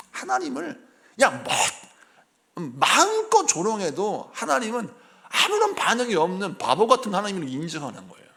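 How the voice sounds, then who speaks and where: A middle-aged senior pastor delivers a sermon as animated storytelling, acting out the characters in his tales. His voice sits high and has vocal fry.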